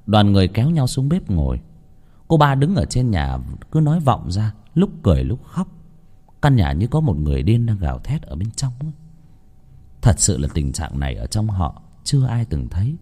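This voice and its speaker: A man narrating a first-person ghost story with a lively, dramatic telling. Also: fairly low pitch, moderate pace, slightly rough.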